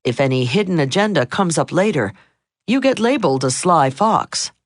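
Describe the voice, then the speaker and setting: A woman narrating a self-help audiobook in a steady, measured reading voice. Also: low-pitched, dry recording, studio quality. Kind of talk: scripted narration.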